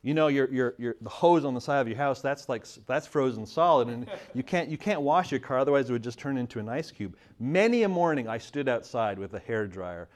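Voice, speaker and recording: A man in his thirties from Montreal telling a family story in a casual, animated way, often laughing and restarting his sentences. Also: medium pitch, a little fast, few pauses. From Montreal, Canada.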